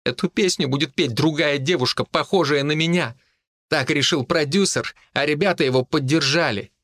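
A man's voice: on the high side, moderate pace, a bit bright, no echo, studio quality. A man voicing a heartbroken, desperate young woman singer who has lost her sight, tearful and crying out in anguish. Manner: tearful, breaking into anguished cries.

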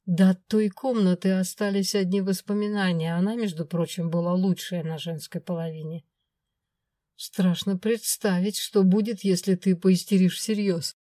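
A woman voicing a gruff dragon lord. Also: fairly low pitch, steady tone, moderate pace, warm tone, no echo, studio quality, lightly acted. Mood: wry. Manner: gruff, commanding. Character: stern possessive male dragon lord.

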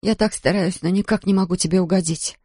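A woman's voice: fairly low pitch, steady tone, quick pace, warm tone, dry recording, close to an everyday voice. A reader doing a tired mother who works as a doctor, anxious and pleading. She sounds worn down and keeps her voice close to plain narration. The sound is dry. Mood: pleading weary.

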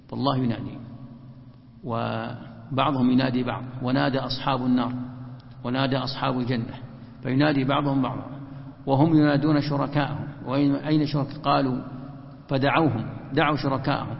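A man teaching a religious lesson that explains Quranic verses. He repeats and stresses key phrases and slows down to recite quotations. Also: medium pitch, creaky. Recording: dull lo-fi recording in a reverberant hall.

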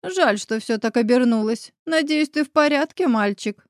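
A woman's voice: fairly high pitch, expressive, moderate pace, no echo, clean studio sound, pitched above the performer's own voice, lightly acted. A woman voicing a scheming middle-aged aunt who talks in a silky, coaxing, sly way, in an audiobook.

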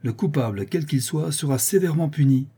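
A man plays a haughty countess in this audiobook, her voice pushed up into a piercing head tone well above his own. She commands and snaps with noble impatience, and the husky grain of the reader still sits underneath. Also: on the high side, brisk, dark tone, voice pushed up. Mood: stern. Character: imperious shrill noblewoman countess. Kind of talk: audiobook character voice.

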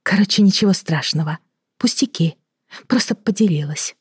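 A man's voice: high voice, moderate pace, husky, dry recording, studio quality, voice pushed up. A man voicing a middle-aged woman lover, earnest and pleading, in an audiobook reading.

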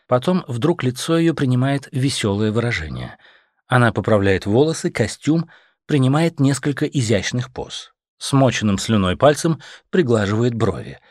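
A man narrating an audiobook in an expressive way. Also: medium pitch, no room sound, clean studio sound.

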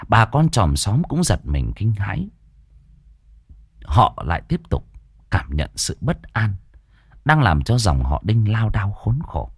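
A man's voice: lowish voice, sing-song, slow pace, pauses often, slightly rough, dry recording, studio quality. A man narrating a ghost story in a dramatic, suspenseful way.

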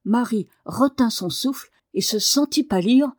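A woman narrating a novel aloud in an expressive reading voice. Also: a little high, unhurried, dry recording, clean studio sound. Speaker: audiobook narrator. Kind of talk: scripted narration.

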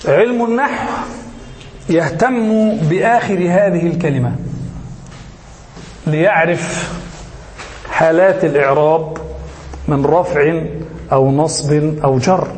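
High-pitched man teaching grammar, slow and deliberate, asks the class to fill in words, hall echo. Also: darkish tone, a little hiss or hum. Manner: asks questions and lets listeners finish them; slow, deliberate, repeats key terms. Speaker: sheikh teaching Arabic grammar. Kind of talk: classroom lecture.

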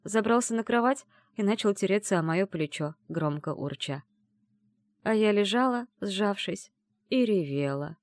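Expressive woman reading an audiobook. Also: mid-range voice, measured pace, no room sound, studio quality. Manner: emotional, expressive storytelling. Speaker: audiobook reader. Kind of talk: scripted first-person narration.

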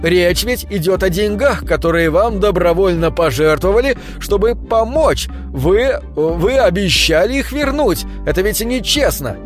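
A man's voice: high-pitched, animated, measured pace, few pauses, faint music behind, pitched above the performer's own voice. A man reading an audiobook, voicing an indignant expert on a studio panel who objects reproachfully.

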